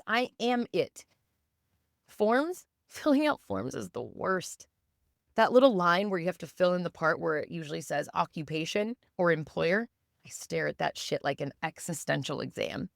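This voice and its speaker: A woman's voice: fairly low pitch, vocal fry, dry recording, studio quality. A woman in her thirties hosting a podcast, telling a candid personal story in a raw, self-deprecating, confessional way. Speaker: podcast host.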